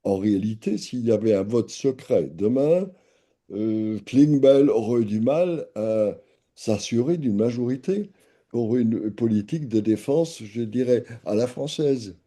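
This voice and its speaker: Dark-voiced man on a panel. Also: medium pitch. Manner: measured, hedging with "si l'on veut". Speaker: panel speaker on defense. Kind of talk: conference panel discussion.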